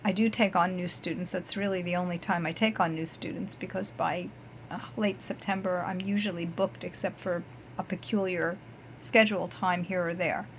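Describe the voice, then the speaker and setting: A woman guitar teacher hosting her own podcast, talking in a chatty, upbeat way and warmly stressing her praise for students. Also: on the low side, fairly even intonation, normal speed, slight background noise. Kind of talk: casual scripted podcast segments.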